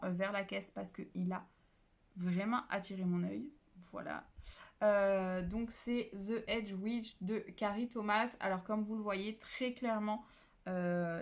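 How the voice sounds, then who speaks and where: A woman talks casually about books into her phone at home. She rambles, stops herself with fillers and corrects her own numbers as she goes. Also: mid-range voice. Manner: chatty, rambling, many fillers and self-corrections. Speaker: book vlogger. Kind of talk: casual chat.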